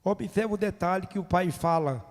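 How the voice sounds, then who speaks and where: A high-pitched male preacher delivers a sermon. He is emphatic and builds toward near-shouting at his peaks, leaning on rhetorical questions. His voice trails off into the long reverb of a church hall. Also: moderate pace.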